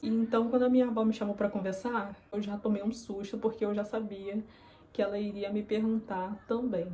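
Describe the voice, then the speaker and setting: A woman's voice: mid-range voice, flat delivery, fairly quick, dark tone. A young woman vlogger telling a personal story to camera in an earnest, confiding way. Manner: earnest, confiding, acts out remembered dialogue.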